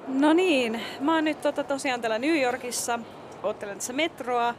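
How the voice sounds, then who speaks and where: A woman's voice: high-pitched, slight background noise. A woman co-hosting a casual comedic podcast, chatty and playful. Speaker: podcast co-host.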